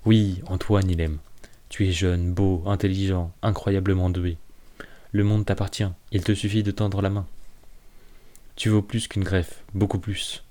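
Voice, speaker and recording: Brief: a sweet, seductive woman who persuades gently, read by a man in his own low, dark voice. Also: flat delivery, a little slow. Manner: soft, honeyed persuasion.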